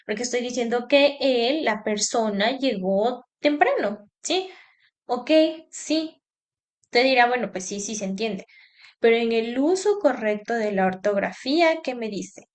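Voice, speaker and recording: A woman teacher giving a lecture, lively and emphatic, often checking in with her students. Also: on the high side. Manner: lively, emphatic, keeps asking "¿sí?". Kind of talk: classroom lecture.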